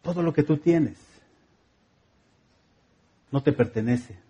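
A man's voice: fairly high pitch, takes it slowly, warm tone, lo-fi sound. A man with a Mexican accent preaching a sermon in a conversational, humorous way, repeating phrases rhythmically.

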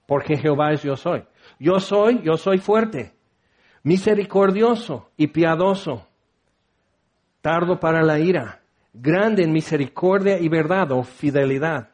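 A man's voice: fairly high pitch, darkish tone. A man preaching a sermon in a conversational way, acting out his listeners' replies and asking rhetorical questions.

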